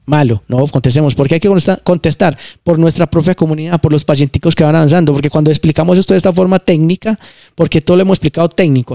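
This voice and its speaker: A man hosts a casual spiritual talk. He explains emphatically, circling back to repeat his points. His voice is mellow and the sound is dry, with no room around it. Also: on the high side, gravelly, no room sound. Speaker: channel host.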